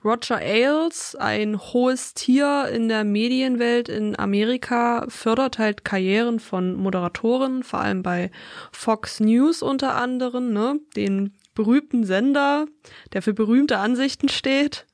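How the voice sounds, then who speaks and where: A woman chatting casually as a film reviewer, summarizing the story in a relaxed way with frequent hesitation sounds. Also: on the high side, a little slow, dry recording, studio quality.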